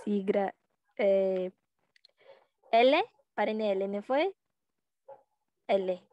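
A young woman with a Brazilian Portuguese accent teaching a Portuguese lesson in Spanish, drawing out each letter sound slowly. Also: medium pitch, no room sound, muffled recording. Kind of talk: slow language lesson.

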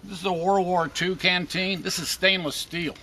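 An older man chats in a folksy, dry-joking way as he shows off old gear. His voice is a little higher than most and clear and bright, caught outdoors by a camera some feet away with faint open-air ambience behind him. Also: fairly even intonation, normal speed, a little hiss or hum. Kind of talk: casual show-and-tell chat. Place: outdoors in a wooded park.

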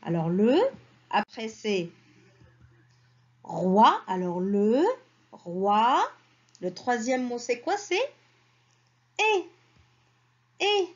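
Slow sing-song woman teacher. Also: medium pitch, animated, a little mellow, highs cut off. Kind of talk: reading lesson for young children.

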